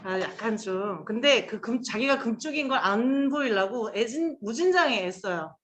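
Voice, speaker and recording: A woman's voice: a little high, lively intonation, moderate pace, fairly bright tone, reverberant. A woman teacher giving a casual Chinese pronunciation lesson, chatty and coaxing, drilling sounds aloud with her students.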